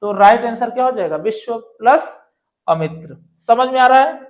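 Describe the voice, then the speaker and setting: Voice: mid-range voice, lively intonation, moderate pace. A Hindi grammar teacher going through multiple-choice exam-prep questions step by step. The teacher often poses a question, answers it, and checks in with the students. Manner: explains step by step, often checking in with "ठीक है" and "दोस्तों"; asks questions then answers them.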